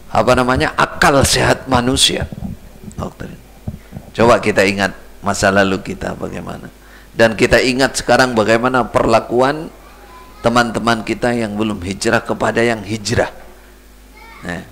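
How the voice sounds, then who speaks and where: A man's voice: medium pitch, creaky, a bit bright. A male preacher giving a sermon, telling stories and rising to emphatic questions.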